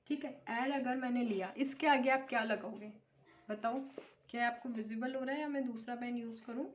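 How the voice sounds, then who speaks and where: A woman's voice: a little high, dull audio, slight background noise. A woman teaching an English grammar lecture, explaining step by step and often checking with her students. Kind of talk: classroom lecture.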